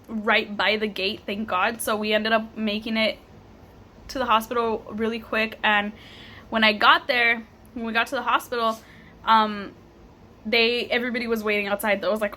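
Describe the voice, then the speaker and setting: Bright-voiced young woman telling a story. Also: normal speed, a little hiss or hum. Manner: animated, laughs often, acts out quotes in higher voice. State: tearful at moments. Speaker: vlogger. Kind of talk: casual storytime vlog.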